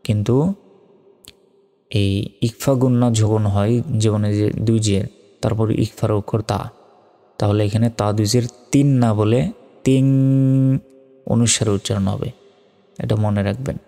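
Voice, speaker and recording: A man teaching Quran reading, spelling out syllables slowly and then reciting them in a melodic chant. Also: on the low side, little pitch movement, vocal fry, mellow. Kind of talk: letter-by-letter recitation lesson. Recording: long reverb hall with faint music.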